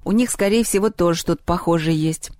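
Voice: mid-range voice, a little mellow, no echo, studio quality, natural voice. A reader voicing a clever bookish boy. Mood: explaining. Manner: measured, explanatory.

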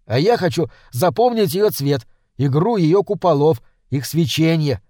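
A man's voice: fairly high pitch, expressive, measured pace, warm tone, no room sound, clean studio sound. A man voicing an impatient boy on a starship who speaks eagerly. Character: impatient boy crew member, keen artist.

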